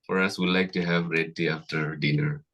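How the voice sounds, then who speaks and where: A man's voice: very deep voice, steady tone, brisk, fairly bright tone. A man in playful casual chat in a church discussion.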